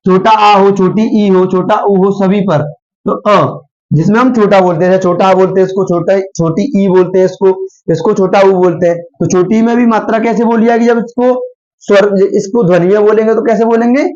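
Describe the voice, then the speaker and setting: Hoarse guy teaching hindi letters, kinda high voice, muffled lo-fi sound, repeats himself a lot. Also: steady tone, darkish tone. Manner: repeats questions and answers them himself, drawn-out syllables. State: slightly hoarse from a sore throat. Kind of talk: slow spoken Hindi alphabet lesson. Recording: dull lo-fi recording.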